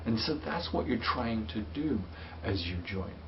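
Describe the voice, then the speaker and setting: Man coaching parents in a webinar, gentle and patient, slightly muffled audio, faint hiss. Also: on the low side, expressive, unhurried. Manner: gentle, patient, explains with hands-on demonstrations. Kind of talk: webinar teaching and answering parent questions.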